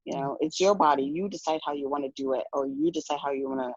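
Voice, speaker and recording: A woman's voice: low-pitched, fast, husky, no echo. A woman from Ghana talks frankly and earnestly on a podcast, circling back and restarting her thoughts. The sound is slightly dull and muffled, with a dry, close feel. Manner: earnest, frank, with many restarts and "you know". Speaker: podcast guest. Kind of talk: casual podcast conversation.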